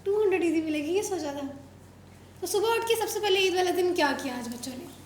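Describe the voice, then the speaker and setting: High-voiced woman playfully quizzing children. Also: expressive, a little fast, slight background noise. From Pakistan. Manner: playful, coaxing, teasing questions. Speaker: show host interviewing children. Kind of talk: casual chat with children. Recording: roomy echo.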